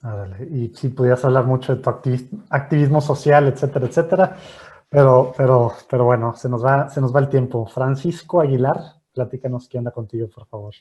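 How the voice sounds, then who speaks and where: A man, hosting a panel over a video call in a joking, lively way and often repeating his words. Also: medium pitch, fairly quick. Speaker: host and moderator of a panel.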